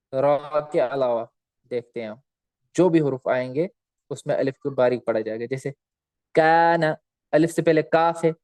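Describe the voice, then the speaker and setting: A man with a fairly high voice gives a recitation lesson over slides. He puts questions to the class and answers them himself, and he stretches each example word out slowly. The sound is dry and close. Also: darkish tone, no echo. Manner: asks and answers his own questions, repeating key terms. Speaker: Quran recitation teacher. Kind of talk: recorded lecture with slides.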